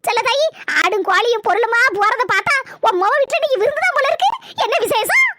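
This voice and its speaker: A woman's voice: very high-pitched, animated, very noisy. A woman doing a nosy, prying village gossip. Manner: prying, insinuating, drawn-out. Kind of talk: cartoon comedy voice acting.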